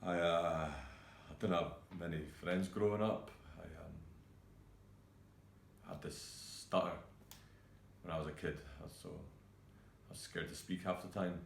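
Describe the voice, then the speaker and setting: An actor playing a grieving young male cook who talks in a halting, hesitant way full of fillers. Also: low voice, lively intonation, vocal fry, reverberant, a little hiss or hum, exaggerated voice. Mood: subdued. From Scotland. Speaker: actor performing a monologue. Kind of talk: self-tape monologue.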